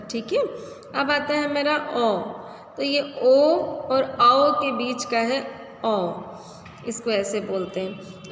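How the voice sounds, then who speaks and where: Female teacher with a high voice, quizzes kids and answers herself, long echoey room. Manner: asks a question then answers it herself, repeats key terms. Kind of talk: Hindi grammar lesson for children. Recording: echoey room with faint background noise.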